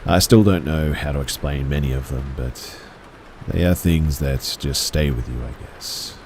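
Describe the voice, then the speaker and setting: A man reading first-person horror stories aloud in a measured, hushed storytelling manner. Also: a bass voice, noisy background. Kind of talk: scripted horror narration.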